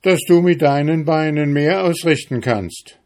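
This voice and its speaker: A man's voice: on the high side, measured pace, darkish tone, voice pushed up. A man voicing a crafty, bossy male hedgehog in a fairy tale. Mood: boastful. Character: sly, gruff male hedgehog.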